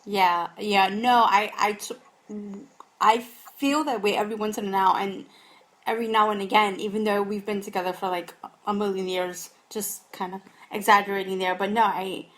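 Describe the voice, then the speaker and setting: A young woman hosts a casual podcast interview. Her questions wander, and she restarts them often in a scatterbrained way, speaking at a mid pitch for a woman. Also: steady tone, moderate pace, fairly bright tone. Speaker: podcast host.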